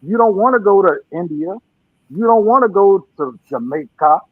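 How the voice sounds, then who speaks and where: A man's voice: high voice, animated, normal speed. A man calling in to a talk show, his voice muffled as if heard through a wall, talking bluntly and repeating his points. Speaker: first-time caller. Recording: muffled, phone-like call-in line.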